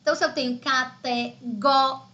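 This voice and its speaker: Brazilian woman teacher, high bright voice, chatty live-class explainer. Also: unhurried, lo-fi sound. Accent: Brazilian Portuguese. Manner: chatty, explaining step by step with frequent "né?" and "tá?". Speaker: Portuguese teacher. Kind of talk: live online exam-prep lesson.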